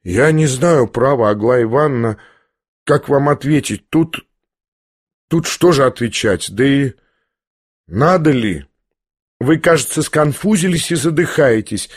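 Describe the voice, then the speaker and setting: A man voicing a gentle, timid young prince who speaks softly and haltingly. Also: mid-range voice, expressive, no room sound, studio quality. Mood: hesitant. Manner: soft, hesitant, halting.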